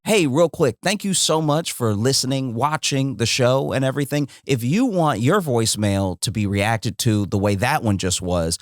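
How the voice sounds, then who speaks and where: A man's voice: medium pitch, animated, normal speed, few pauses, dry recording, clean studio sound. A man co-hosting a comedy podcast, telling stories animatedly and laughing through his riffs. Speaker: podcast co-host. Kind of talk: casual comedy chat.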